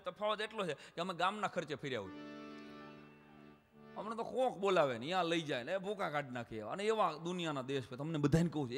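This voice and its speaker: Stage comic in a reverberant hall. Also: male voice, sits high, pushed and bright. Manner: chatty, addresses the audience directly and mimics voices. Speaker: stage comedian at a folk show. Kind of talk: live stage comic storytelling. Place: stage before a live audience.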